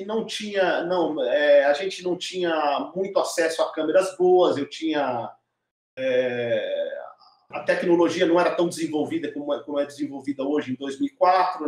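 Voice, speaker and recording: A middle-aged filmmaker recounts his story in a loose, animated way, often tossing tag questions at his listener. His voice sits a little high for a man. The room around him is echoey and hollow. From Diadema, São Paulo, Brazil. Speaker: documentary filmmaker, guest. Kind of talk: casual storytelling interview.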